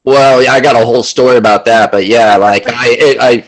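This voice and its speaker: Chatty, relaxed male podcast host. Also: medium pitch, fairly quick, poor audio. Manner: relaxed, chatty, affirming with short interjections. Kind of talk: casual podcast conversation.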